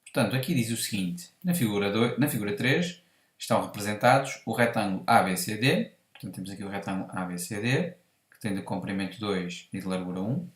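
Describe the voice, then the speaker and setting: Methodical Portuguese math teacher, echoey room. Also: male voice, lowish voice, brisk. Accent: European Portuguese. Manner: methodical, explains step by step, corrects himself. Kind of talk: whiteboard math lesson.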